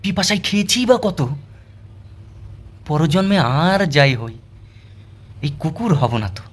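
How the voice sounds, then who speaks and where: A sarcastic, aggrieved male street dog, as a man puts him on, grumbling in a through a comic monologue. The voice is husky, with a lively pitch that swoops up and down. Every complaint lands as a pointed rhetorical question. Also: measured pace. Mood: mournful lament. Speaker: comedian.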